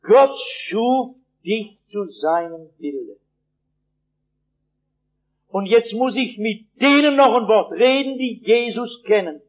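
A male preacher delivers a sermon in a high voice. He tells his stories vividly and emphatically, with dry humor. The old recording sounds dull and lo-fi. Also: lively intonation, slow pace, pauses often.

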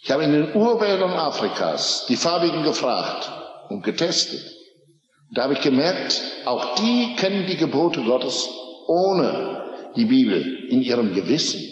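A man preaching a fervent revival sermon, firing off rhetorical questions and climbing to high emphatic peaks. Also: fairly bright tone. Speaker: pastor. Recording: echoey hall, old recording.

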